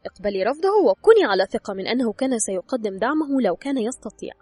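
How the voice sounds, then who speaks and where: A woman reads an advice book aloud, speaking straight to the listener in an instructive tone. Her voice is breathy and a little high, with a very lively rise and fall. She moves quickly, and faint music sits under her. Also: no echo. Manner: instructive, addresses the listener directly. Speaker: audiobook narrator. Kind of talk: scripted narration of an advice book.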